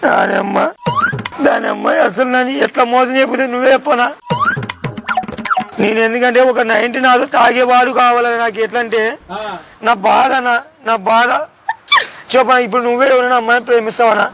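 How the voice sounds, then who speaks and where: A man's voice: extremely high pitch, fairly even intonation, fairly quick, gravelly, pauses often, fairly bright tone, faint music behind. A young man pulling a prank, playing a heartbroken guy and pleading with repeated questions, recorded outdoors on a street. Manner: pleading, keeps asking questions, repeats himself.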